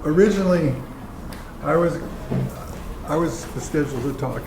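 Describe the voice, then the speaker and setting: A man's voice: on the high side, normal speed. A man telling a rambling, chuckling story about the show he produces, chatting at a dinner meeting. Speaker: public-access show producer. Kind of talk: casual chat at a dinner meeting. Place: dinner gathering indoors. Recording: echoey room, background noise.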